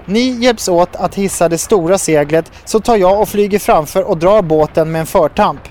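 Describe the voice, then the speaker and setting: A man's voice: sits high, slight background noise, lightly acted. A man voicing a cheerful, decisive young woman who can fly, in a storybook reading. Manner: bright and decisive.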